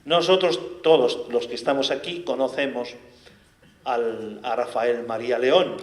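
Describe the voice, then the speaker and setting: A man leads a Bible reflection in a calm, unhurried way, pausing now and then to clear his throat. His mid-range voice carries the ring of an echoey room. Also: medium pitch. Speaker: friar leading a lectio divina. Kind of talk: spoken Bible commentary.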